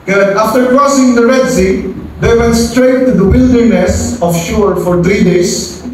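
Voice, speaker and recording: Pastor guy preaching, high voice, big echoey church, mic kinda far off. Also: slow, slight background noise. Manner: dramatic, acts out quotes in raised high voice; mixes English into local speech. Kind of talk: sermon. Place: church service.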